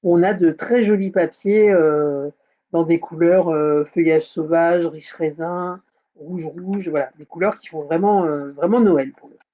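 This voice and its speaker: A woman's voice: lowish voice, a little slow. A woman hosting a casual live craft tutorial, chatting with many fillers and hesitations. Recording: slightly dull lo-fi sound.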